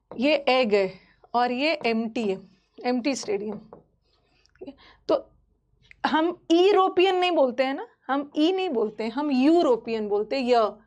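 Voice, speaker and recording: A woman teaching English grammar to students in a lively, repetitive way, switching between Hindi and English. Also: high voice. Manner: lively, mixes Hindi and English, repeats points.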